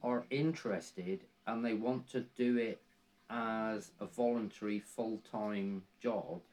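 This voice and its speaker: An older Cornish man in his sixties with a deep, low voice. He talks casually, as an interviewee does, in a halting way that circles back and repeats phrases. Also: steady tone, darkish tone. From Cornwall, England. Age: 60s. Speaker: interviewee, volunteer woodland ranger.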